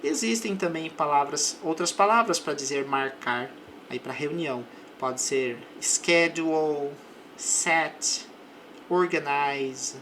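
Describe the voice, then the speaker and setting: Slow-talking Brazilian English teacher. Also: male voice, fairly high pitch, a bit bright, slight background noise. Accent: Brazilian Portuguese. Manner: slows right down to model English phrases. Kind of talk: slow explanatory language lesson.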